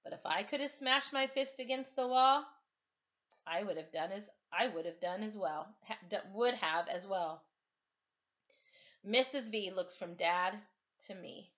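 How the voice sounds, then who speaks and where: Speaking at a measured pace, this woman has a mid-range, animated voice with a slightly bright quality. She is a middle-aged teacher on her living-room couch, first reading from a novel and then addressing her pupils casually. Sound comes through a dull, lo-fi webcam.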